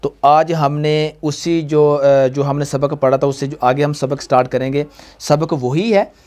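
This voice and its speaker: A man's voice: fairly high pitch, fairly even intonation, unhurried, a little mellow. A young man teaching a tajweed lesson, patient and repetitive, quizzing his pupils. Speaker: Quran reading teacher.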